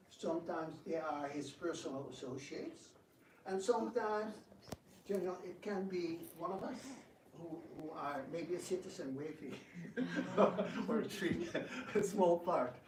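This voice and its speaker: A devotional speaker and drama director takes questions in an informal spiritual talk, speaking to a group at a measured pace in a slightly high voice. He is an animated storyteller who acts out quotes and repeats words hesitantly while hunting for the next one. The mic is distant in an echoey room, with faint noise.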